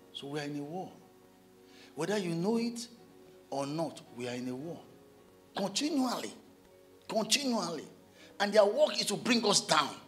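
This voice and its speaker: A man, a pastor preaching a sermon in church, animated, breaking into shouts and chuckles. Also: sits high.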